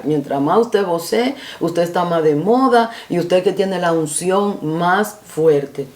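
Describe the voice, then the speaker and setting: A woman's voice: sits low, dark tone, reverberant. A woman giving an earnest spoken reflection like a sermon, using repetitive rhetorical phrasing and addressing the listener formally. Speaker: preacher.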